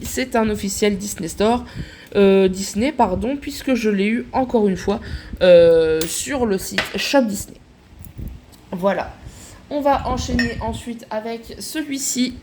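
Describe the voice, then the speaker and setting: A woman's voice: medium pitch, a little mellow, a little hiss or hum. A woman chatting casually in a show-and-tell vlog, filling her talk with little asides. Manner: chatty, many fillers and little "hop" and "voilà" asides. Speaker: collector showing her items.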